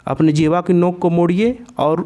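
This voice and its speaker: A man's voice: high-pitched, warm tone. A man teaching a Sanskrit pronunciation lesson, carefully sounding out each letter aloud for learners. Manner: slow and deliberate, repeats each sound aloud to demonstrate. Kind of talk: explaining a grammar lesson.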